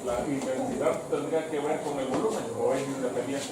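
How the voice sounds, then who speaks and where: A man in a church class asking a question and working through his idea aloud, slow and searching. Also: medium pitch, fairly even intonation. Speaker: congregation member asking questions. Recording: roomy, distant, with loud background noise.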